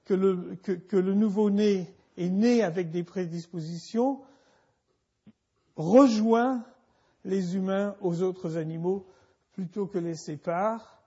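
A man delivers a university lecture at an unhurried pace, stopping and restarting his phrases again and again. His voice is husky and gravelly, sitting a little high. The recording is dull and lo-fi. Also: mellow. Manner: halting, many restarts and repeated words.

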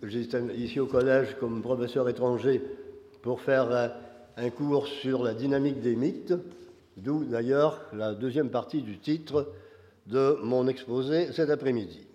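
An older man with a Quebec French accent gives an academic lecture, his voice hoarse and nasal from a cold, halting as he searches for phrasing. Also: medium pitch, mellow. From Quebec, Canada. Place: large reverberant lecture hall. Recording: muffled, very reverberant lecture hall.

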